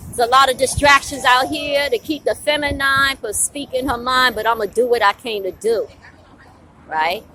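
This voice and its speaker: Fiery, preachy woman with a high voice. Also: moderate pace, sharp tone, a little hiss or hum, poor audio. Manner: fiery, preachy, profane, drops rhetorical "right?" often. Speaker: vlogger. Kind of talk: blunt outdoor rant to camera. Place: outdoors at a bus stop with passing traffic.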